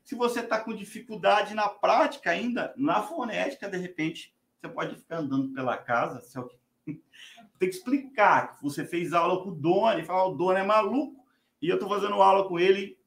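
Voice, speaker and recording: A Brazilian man gives a spoken guitar lesson, chanting strum patterns as rhythm syllables and counting the beats out loud while a guitar plays. His voice is high-pitched with vocal fry, at a moderate pace, in an echoey room.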